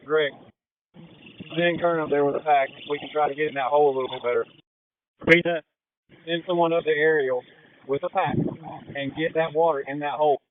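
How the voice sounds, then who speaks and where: Male firefighter, quick terse radio talk, highish pitch, thin phone-like band. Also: steady tone. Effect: two-way radio.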